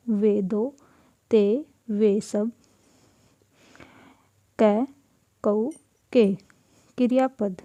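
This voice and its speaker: Slow, dark-voiced woman teaching a lesson. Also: a little high, dry recording. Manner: slow, deliberate, repeats each word and gives its meaning. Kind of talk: classroom lesson explaining Sanskrit words in Hindi.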